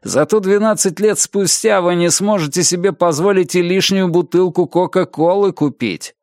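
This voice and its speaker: A man's voice: sits high, moderate pace, a little mellow, dry recording, studio quality, voice pushed up. A man reading the part of a pushy middle-aged man who insistently lectures and needles a younger colleague.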